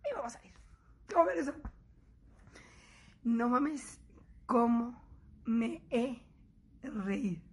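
Mexican woman vlogger, high voice, animated, salty storyteller who acts out voices. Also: takes it slowly, pauses often, slightly rough. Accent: Mexican Spanish. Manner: animated, swearing, laughing through her story. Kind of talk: casual storytelling to viewers.

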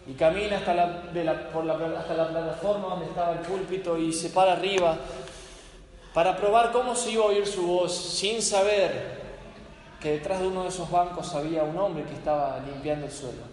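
A man preaching a sermon, telling stories dramatically and slowing down with weighty pauses for emphasis. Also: high-pitched, fairly even intonation, a little mellow. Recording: echoey hall with faint noise.

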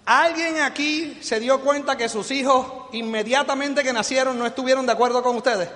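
Man, Puerto Rican Spanish accent, very high voice, animated motivational speaker, long echo of a big hall. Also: moderate pace, a little hiss or hum. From Puerto Rico. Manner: animated and joking, acting out quoted voices, asking the audience questions. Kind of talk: motivational speech to a live audience. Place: large hall before an audience.

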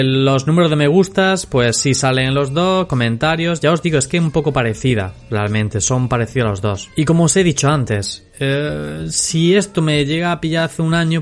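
A young man from Spain with a Castilian Spanish accent hosts a solo podcast, chatting informally and rambling as he addresses listeners directly in slang. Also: a little high. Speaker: podcast host and social media creator. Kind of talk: casual solo podcast chat.

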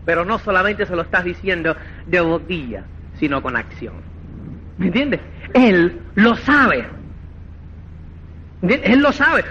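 A man giving a motivational network marketing seminar, animated and acting out quoted dialogue, repeatedly checking that listeners follow. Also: extremely high pitch, highs cut off, a little hiss or hum. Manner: animated, acts out quoted dialogue, keeps asking "¿me entiendes?".

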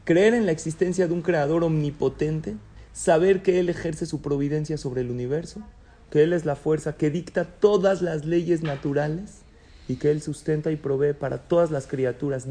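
A man's voice: a little high, moderate pace, warm tone. A man teaching a casual religious class, asking students questions and joking with them. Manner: conversational, asks students questions and jokes. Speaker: Torah teacher.

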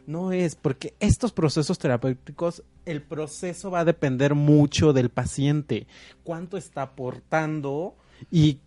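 A man co-hosting a psychology talk show, explaining points in a relaxed way with everyday examples. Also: on the high side, a little slow, no echo. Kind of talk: conversational talk-show discussion.

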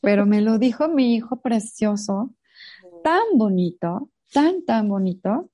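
A middle-aged woman, chatting casually as a co-host and telling an animated story, acting out the voices in it. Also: on the high side, a little slow. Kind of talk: casual chat.

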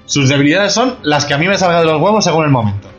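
A man with a somewhat high voice rants with mounting exasperation, swearing freely and asking one incredulous question after another. The recording is slightly muffled and lo-fi. Faint music plays underneath. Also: lively intonation, fast talker. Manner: angry, profane, incredulous ranting. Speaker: podcast host. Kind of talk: ranting TV review. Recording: slightly dull lo-fi podcast audio, faint music.

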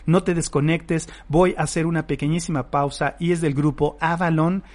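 A man's voice: fairly high pitch, steady tone, normal speed. A man with a Mexican Spanish accent, a pastor teaching a live-streamed Bible lesson, who reads verses aloud and breaks into fervent praise between them.

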